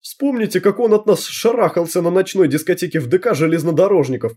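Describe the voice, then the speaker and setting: Мужчина, изображающий дерзкую бойкую девчонку-заводилу. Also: male voice, high-pitched, fast talker, dark tone, husky, voice pushed up. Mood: boastful. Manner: cocky, bossy street slang. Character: brash tough teenage girl, gang leader. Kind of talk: audiobook reading.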